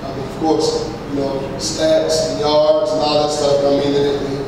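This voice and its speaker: Halting coach in an echoey hall. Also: male voice, fairly high pitch, completely flat delivery. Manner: measured, halting, many fillers and restarts. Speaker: head football coach. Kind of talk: post-game press conference answers. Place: press room with backdrop, large echoey space. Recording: echoey hall, far mic, noisy.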